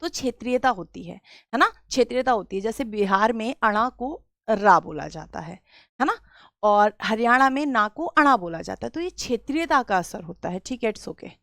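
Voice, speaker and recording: A woman's voice: on the high side, lively intonation, moderate pace, vocal fry, a bit bright, dry recording, studio quality. A woman teacher from Bareilly with a western Uttar Pradesh accent and a sore throat, patiently teaching a live online grammar class and repeating her key points. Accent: western Uttar Pradesh (Bareilly) Hindi. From Bareilly district, Uttar Pradesh, India. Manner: patient, repeats key phrases, addresses students as beta.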